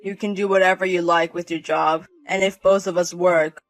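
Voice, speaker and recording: A man's voice: high voice, level tone, moderate pace, fairly bright tone, dry recording, faint music behind, poor audio. A man voicing a self-centered husband in a drama, sounding flustered and pleading.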